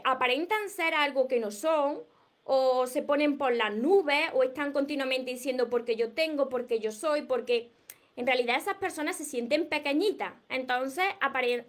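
A woman from Córdoba with an Andalusian Spanish accent, giving earnest, repetitive dating advice on a live stream. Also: sits high. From Córdoba, southern Spain. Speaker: dating and self-esteem coach. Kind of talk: live-streamed motivational talk.

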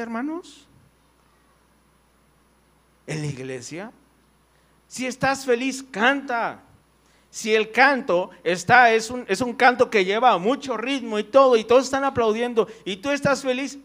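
Guy preaching, super high voice, loose rambling story style w/ lots of "no?" tags. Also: a bit bright. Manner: personal storytelling, frequent fillers and "¿no?" tags. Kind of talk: conversational sermon. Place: church.

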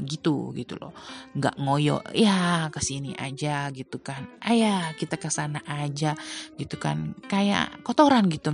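A woman's voice: low voice, gravelly. A young woman giving casual, slangy advice in a chatty monologue full of rhetorical questions. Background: faint guitar music.

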